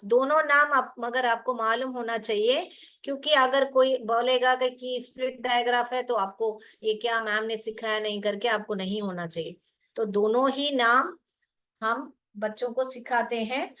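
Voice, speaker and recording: A woman's voice: on the high side, steady tone, normal speed, fairly bright tone. A woman teaching phonics in an online class, patient and explaining step by step, often asking rhetorical questions and fondly addressing her learners as children.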